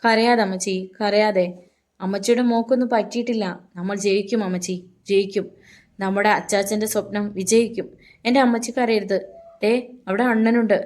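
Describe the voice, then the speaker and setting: A woman's voice: mid-range voice, fairly even intonation, a little fast, natural voice. A woman voicing a soothing young daughter. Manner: gentle, soothing. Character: young daughter, calm and comforting.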